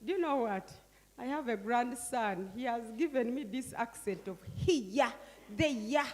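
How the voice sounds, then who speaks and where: A woman's voice: a little high, lively intonation, unhurried. An older woman leading a group workshop, coaxing and directing people with frequent questioning tags. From Uganda. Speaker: workshop facilitator. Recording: long hall reverb.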